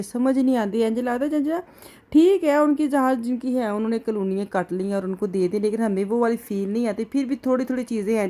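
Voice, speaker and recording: Punjabi accent woman vlogging, chatty and rambly, middle-aged, average pitch. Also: darkish tone. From Pakistan. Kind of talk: casual vlog narration.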